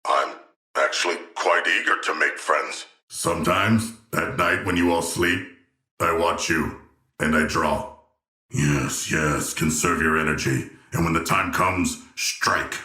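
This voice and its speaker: King Shark, very deep, formal shark warrior. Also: takes it slowly, bright, forceful tone, echoey room, heavily acted. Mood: solemn. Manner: stilted, formal, elevated diction, solemnly literal. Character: huge male humanoid shark warrior, formal, earnest, naive royalty. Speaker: video game voice actor. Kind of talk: scripted game character voice lines.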